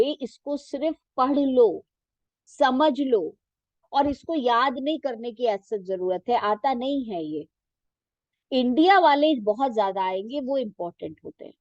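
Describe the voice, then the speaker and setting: A woman teacher with an Indian English accent, giving an exam-focused class lesson, mixing Hindi and English and reading textbook lines slowly before explaining them. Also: fairly high pitch, darkish tone, dry recording. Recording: dull, dry lo-fi recording.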